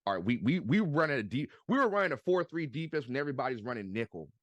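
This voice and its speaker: Fired-up man, lively pitch. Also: quick pace, no room sound. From United States. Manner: excitable, stammers and repeats words when fired up. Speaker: podcast guest. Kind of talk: animated casual sports chat.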